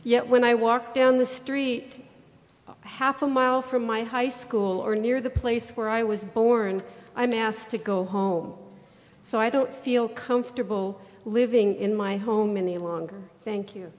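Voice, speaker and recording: A young woman from Washington state gives a short prepared statement, steady and composed. Her voice sits a little high. A long hall reverb trails each phrase. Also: unhurried. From Washington state, USA. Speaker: witness giving testimony. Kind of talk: brief prepared public statement. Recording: reverberant hearing room.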